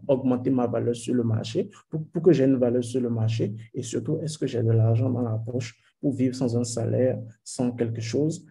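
A man's voice: medium pitch, creaky, warm tone, rough recording. A young man on a headset in a video call, earnestly giving career advice as a panelist, often repeating words. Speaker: panelist, tech hiring manager. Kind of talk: online panel discussion. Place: home room.

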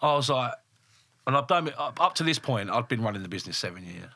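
A man's voice: mid-range voice, fast talker, no echo, clean studio sound. A man, a builder guest on a podcast, telling a story bluntly with lots of swearing. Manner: blunt, heavily profane, animated retelling. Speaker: guest, builder and property developer.

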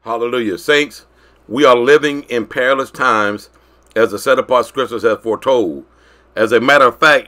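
A man preaches to his congregation in a bright, forceful tone. He pushes some lines out loud and lets others fall quiet and drawn out. His pitch sits in the middle range for a man. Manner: preaching, swinging between loud declarations and quiet drawn-out phrases. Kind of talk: sermon.

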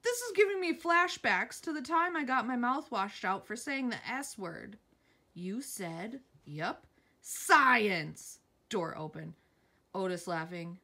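A woman reading TV captions aloud at speed, jumping between reading and her own quick asides. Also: fairly high pitch, expressive, sharp tone.

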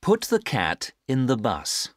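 A actress as a patient instructor with a very low voice and hugely varied intonation. She speaks careful, stilted textbook dialogue in a dry studio sound. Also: wildly swooping pitch, slow, dry recording, full character voice. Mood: patient, instructive. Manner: careful, over-clear instructing. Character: patient adult giving simple picture instructions.

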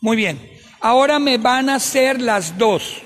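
A male coach with a Mexican Spanish accent leads a group through breathing drills in short commands. His voice sits very high for a man. Faint noise sits under him, picked up by a camera across the room. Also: animated, fairly bright tone. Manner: short spoken commands with pauses. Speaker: sports coach.

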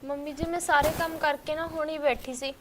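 A woman acting as a young daughter-in-law, put-upon and pleading, with a high voice. She defends herself against her mother-in-law's taunts in a short-film drama. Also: steady tone, a little fast, a bit bright, slight background noise.

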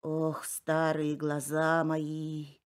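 A woman voicing a creaking old pine tree, a grandmotherly figure who groans slowly in a storybook tale. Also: low-pitched, completely flat delivery, pitched below the performer's own voice. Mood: groaning. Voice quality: groaning, slow drawn-out.

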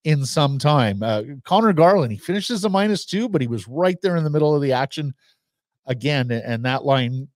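Measured middle-aged male hockey analyst. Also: fairly high pitch, expressive, a little mellow, dry recording, clean studio sound. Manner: measured, analytical, lists stats. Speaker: podcast co-host. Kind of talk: casual sports analysis. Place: small studio with bookshelf. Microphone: studio mic on boom arm with headphones.

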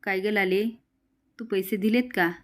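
A woman's voice: medium pitch, steady tone, a little slow, a bit bright, natural voice. A woman voicing a caring middle-aged village woman asking concerned questions.

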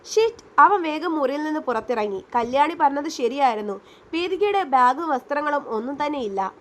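A woman storyteller narrating a romance story in a steady, dramatic way. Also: high-pitched, moderate pace.

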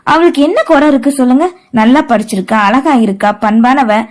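A woman's voice: high-pitched, expressive, brisk. A woman voicing an earnest young man apologizing and reassuring his aunt. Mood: apologetic.

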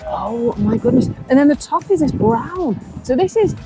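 A woman co-hosts a food vlog, her fairly high voice swinging up and down as she gushes over each bite. She chats casually and often breaks into delighted murmurs and exclamations. Music plays clearly in the background. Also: lively intonation, moderate pace. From United Kingdom. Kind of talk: casual chat while tasting food.

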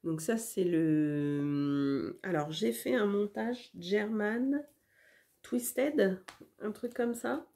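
Showing off her knitting to the camera, a vlog host talks in a very slow, warm, mid-range voice. Her casual chat is hesitant, full of fillers and restarts.

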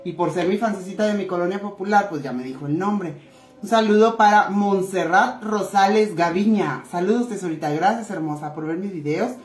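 A woman chatting warmly with viewers while cooking in her home kitchen, calling them little treasures. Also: medium pitch, normal speed, faint music behind. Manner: chatty and affectionate, calls viewers "tesoritos". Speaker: cooking vlogger. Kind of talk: casual cooking chat to viewers. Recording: echoey room with faint noise.

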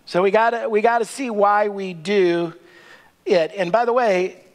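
A man's voice: high-pitched, fairly even intonation, a little slow. A middle-aged male pastor preaching a sermon in a large church sanctuary, emphatic and asking the crowd rhetorical questions, often tagging lines with "right?".

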